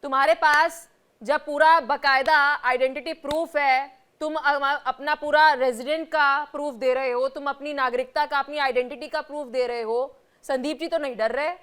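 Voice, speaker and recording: A woman anchoring a heated TV news debate, forceful and rapid-fire, cutting in on her guests. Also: sits high.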